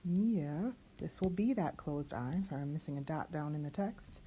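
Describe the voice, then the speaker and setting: A woman teaching lyric diction, slowly spelling out letters and sounds one by one. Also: low voice, lively intonation, warm tone, slight background noise. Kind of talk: online diction lesson.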